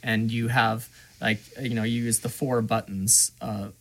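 A man's voice: mid-range voice, measured pace. A man on a podcast, retelling a video game quest in casual chat, acting out voices and filling his talk with "like" and "you know". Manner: animated storyteller, acts out voices, many fillers. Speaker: podcast co-host.

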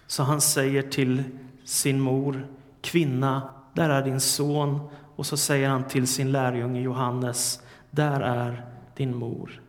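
A man preaching a sermon, earnest and measured, rising to emphatic cries on the words he quotes. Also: a little high. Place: church. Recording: long reverb of a church hall.

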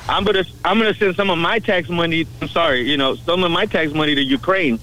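A man phones in to a radio talk show, his voice carried over a telephone line. He speaks in a somewhat high register. His talk is earnest and rambling, full of fillers. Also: fast talker, pushed and bright. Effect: heard over a phone line. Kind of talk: casual call-in talk.

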